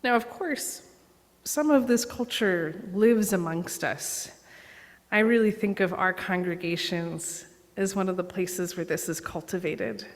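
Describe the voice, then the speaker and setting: A woman's voice: mid-range voice, measured pace. Woman preaching in a reverberant church. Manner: animated storyteller, acts out dialogue. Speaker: guest preacher. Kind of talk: sermon with storytelling. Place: church sanctuary.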